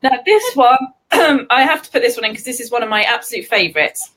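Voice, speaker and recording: A chatty English woman hosts a relaxed live-stream conversation, laughing often as she talks. Her voice sits high and swoops lively up and down. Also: brisk, a little hiss or hum. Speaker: host. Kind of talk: casual live-stream chat.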